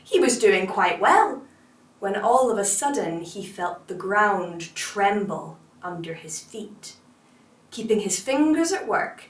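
A woman reading a children's folktale aloud, expressive and slow with dramatic pauses, recorded roomy and from a distance. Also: medium pitch. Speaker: storyteller.

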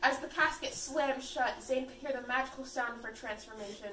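A teenage girl reads a homemade story aloud, slightly high voice, giggling between lines. She sits away from the mic in an echoey room with a faint hiss underneath. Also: a little fast, bright, forceful tone, recorded from a distance. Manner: giggly, breaks into laughter while reading. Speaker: fanfiction reader. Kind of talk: casual group reading of fan fiction. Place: room at a birthday party.

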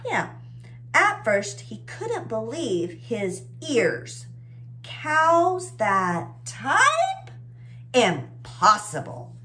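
In a small bookshelf-lined room, an American woman in her forties reads a picture book to kids, using questions to keep explanations simple. Her pitch sits on the high side and swoops wildly, and her delivery is extremely slow, bright and forceful.

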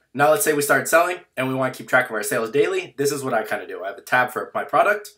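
Young male tutor, a bit hoarse, plain casual walkthrough, mid-pitched voice. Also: animated, fast talker, sharp tone. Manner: plain, matter-of-fact walkthrough with fillers. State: slightly hoarse. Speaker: online seller teaching a spreadsheet. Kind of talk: casual screen-share tutorial.

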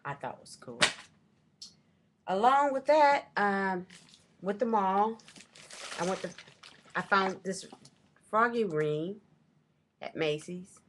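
A woman's voice: medium pitch, expressive, slow pace, pauses often, noisy background. A middle-aged woman in a small room at home, chatting into her webcam as she shows off things she bought, rambling and correcting herself as she goes. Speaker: vlogger. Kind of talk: casual shopping haul show-and-tell. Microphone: webcam at desk.

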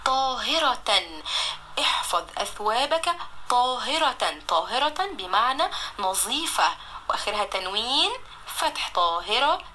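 A woman with an Egyptian accent teaching a recorded primary-school Arabic lesson, drawing words out slowly to sound them out and praising her pupils. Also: on the high side, sharp tone, slight background noise.

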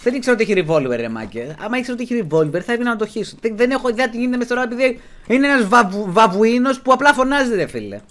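Loud, animated young male streamer. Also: very high-pitched. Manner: swears a lot, shouts and rants at teammates. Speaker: game streamer. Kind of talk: excited live gameplay commentary.

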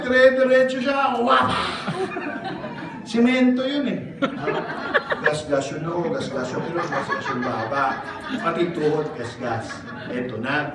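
High-voiced man preaching in an echoey hall. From Philippines. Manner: mixes Tagalog and English, keeps checking with "right?" and "amen?"; animated storytelling. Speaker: pastor. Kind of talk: sermon. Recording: echoey hall, distant mic, noisy.

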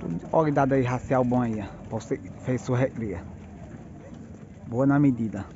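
Holding a phone camera as he walks through outdoor cattle pens, a livestock market vlogger from Northeast Brazil narrates in a Pernambuco Portuguese accent. His medium-pitched voice moves at a moderate pace as he chats to viewers, calls out prices and greets sellers. The phone audio is dull, with crowd chatter and cattle behind him.

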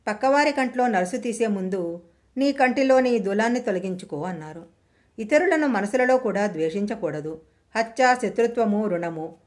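A woman reads devotional tales aloud as scripted narration. Her pace stays steady and measured, and her voice sits at a middle pitch.

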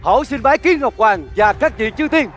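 Ceremonious tiger courtier, very high voice, formal report. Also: male voice, expressive, normal speed, a bit bright, soft background music. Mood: solemn. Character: Tiger reporting to the Jade Emperor, solemn. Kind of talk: TV comedy skit.

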